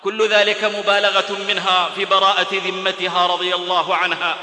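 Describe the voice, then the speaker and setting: A man's voice: high voice, flat delivery, a little fast, pushed and bright. A man preaching a sermon, telling a story and reciting verse in rhythmic lines. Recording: echoey hall recording.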